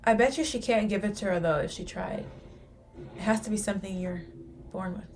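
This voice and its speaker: A woman's voice: medium pitch, brisk, slight background noise. A woman hosting a casual reaction video, speculating aloud to her viewers and gasping and exclaiming at the screen. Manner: excitable, gasps and exclaims at the screen.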